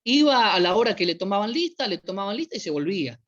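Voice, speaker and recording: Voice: mid-range voice, quick pace. A preacher with an Argentine accent telling a church anecdote in a sermon, acting out the people in it. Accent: Argentine Spanish. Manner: anecdotal, animated retelling with voiced quotes. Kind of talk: storytelling sermon. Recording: dull lo-fi recording.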